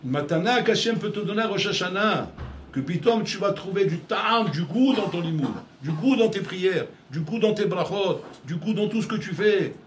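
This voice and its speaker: Male rabbi, lively preacher, slightly high voice, roomy echo. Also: normal speed, a little hiss or hum. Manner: animated, acts out dialogues, addresses listeners as Rabotai. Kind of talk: Torah lecture. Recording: echoey room with faint ambience.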